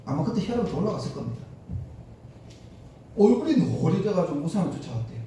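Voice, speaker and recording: A male pastor preaching a sermon, an animated storyteller who acts out the speech of the people in his stories. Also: on the high side, quick pace. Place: church sanctuary. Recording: echoey church hall, distant mic, faint noise.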